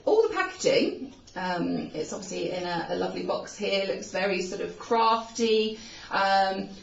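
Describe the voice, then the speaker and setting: A woman's voice: medium pitch, expressive, a little slow, creaky. A woman co-hosting a casual product review chat, talking with many "um" fillers. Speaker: co-host. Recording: roomy, dull sound from a distant mic.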